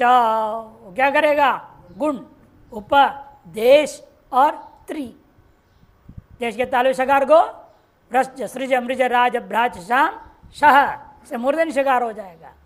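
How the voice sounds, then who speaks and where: A woman teaching Sanskrit grammar in a classroom lecture, reciting word forms slowly and explaining each step patiently. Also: high voice. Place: ashram classroom.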